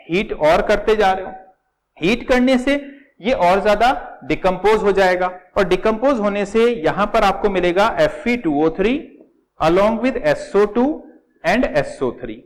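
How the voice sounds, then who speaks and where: A man's voice: high-pitched, rough recording. A middle-aged man teaching chemistry. He explains step by step, repeats key words and calls his students "beta". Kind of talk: classroom lecture at a whiteboard.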